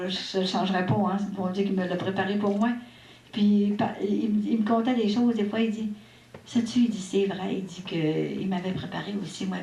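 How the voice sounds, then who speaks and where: A woman in her sixties with a Québécois accent, giving a personal faith testimony in a lively, expressive storytelling manner with asides. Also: mid-range voice. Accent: Québécois French. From Quebec. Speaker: testimony giver at a religious mission. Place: church hall at a religious gathering. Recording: echoey hall, faint background noise.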